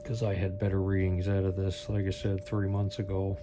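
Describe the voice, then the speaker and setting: A deep-voiced man talking at normal speed runs through an informal, unscripted product demo for his review video, drifting and thinking aloud. Clear audio, with a steady hum and background noise behind him.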